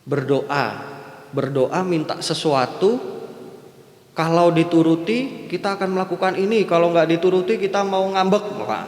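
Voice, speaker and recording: High-voiced male preacher in echoey church. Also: normal speed. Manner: conversational, with rhetorical questions. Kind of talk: sermon.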